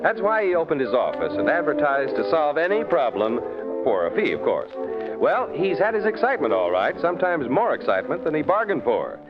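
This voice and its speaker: A man announcing and narrating in the manner of an old-time radio show, in a lively announcer delivery, on an old radio recording. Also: a little high, fairly quick, muffled recording. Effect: old-time radio show broadcast. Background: loud brass music.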